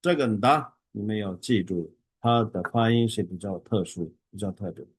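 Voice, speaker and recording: Male teacher with a lowish voice, dry sound, drills syllables slowly with halting fillers. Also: fairly even intonation, a little mellow, husky, dry recording. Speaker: Tibetan language teacher. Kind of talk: online beginner lesson.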